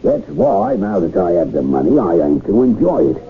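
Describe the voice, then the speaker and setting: An actor playing a gruff, short-tempered old sea captain with a sardonic, threatening way of talking in an old-time radio mystery. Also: male voice, sits low, very animated, moderate pace. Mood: gruff, self-satisfied. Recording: muffled noisy old radio recording.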